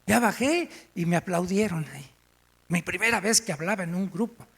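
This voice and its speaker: This Mexican-accented man speaks in a high, slightly rough voice at a normal speed. He delivers a sermon in a church meeting room, recounting stories animatedly and questioning his listeners, and the recording carries the echo of a church hall.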